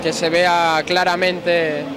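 A young man with a fairly high voice talks in a laid-back, slangy way about tattoos. He speaks into a handheld mic in a large expo hall. Clear convention-hall noise runs behind him. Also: little pitch movement, slow pace. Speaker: tattoo artist, interviewee. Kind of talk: casual chat. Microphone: handheld interviewer mic.

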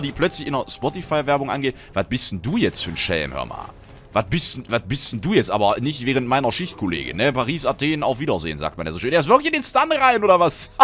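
A young man talks over his gameplay at a desk mic. His pitch jumps around a lot as he reacts to the match. He throws in slang and sudden loud shouts. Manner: excited slangy banter, quick outbursts. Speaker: gaming channel host. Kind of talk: Let's Play commentary.

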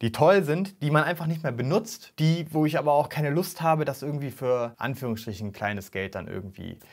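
A man's voice: a little high, expressive, fairly quick. A man in his thirties from Germany talking casually and informally to camera as a vlog host, often checking in with tag questions. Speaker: YouTube host. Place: small furnished home studio room.

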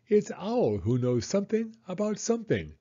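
Man voicing a friendly bear, lilting and higher-pitched. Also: very animated, moderate pace, warm tone, lo-fi sound. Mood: self-assured. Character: friendly, earnest male toy bear, eager to help.

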